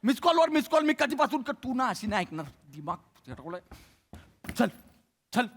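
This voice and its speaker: A man's voice: very high voice, big pitch swings, moderate pace, slight background noise, exaggerated voice. A man acting a hot-tempered, aggressive young son-in-law in a stage comedy sketch. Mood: irate. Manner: loud, aggressive bickering. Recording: echoing hall with faint music.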